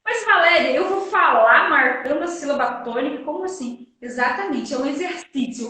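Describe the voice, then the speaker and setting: A Brazilian woman teacher giving a lively live-stream lesson, emphatic and energetic, acting out her students' questions. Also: high-pitched. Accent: Brazilian Portuguese. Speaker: guest teacher. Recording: echoey room, distant mic.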